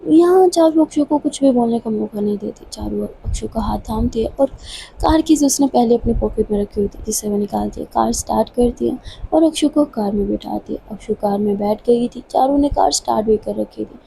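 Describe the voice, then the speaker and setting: Casual: woman telling a love story, steady and plain, high pitched and kinda raspy, dark tone. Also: fairly quick, slight background noise, rough recording. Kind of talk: scripted story narration.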